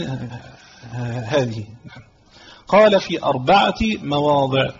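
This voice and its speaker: A man with an Egyptian accent teaching a religious lesson as a sheikh, reading a line of the text and then explaining it slowly, repeating key phrases. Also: a little high, creaky. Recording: slightly dull audio with faint background noise.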